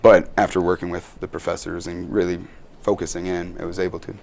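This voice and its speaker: Deep gravelly young man. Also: level tone, brisk, a little mellow. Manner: rambling, earnest, many fillers. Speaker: student actor interviewed. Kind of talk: casual interview answers.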